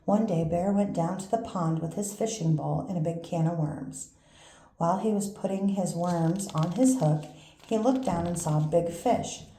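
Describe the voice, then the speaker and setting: An older woman, a grandmother, reading a children's picture book aloud in a gentle, unhurried storytelling manner. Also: lowish voice. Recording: roomy echo with faint background noise.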